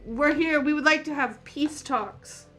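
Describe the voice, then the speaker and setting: A woman's voice: high-pitched, unhurried, a bit bright, faint music behind. A woman playing a tabletop role-playing game, speaking casually and playfully in character. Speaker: player.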